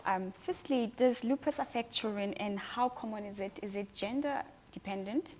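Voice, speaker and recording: A woman's voice: mid-range voice, moderate pace, a little mellow, slight background noise. A woman hosting a studio talk show, asking questions and reacting eagerly.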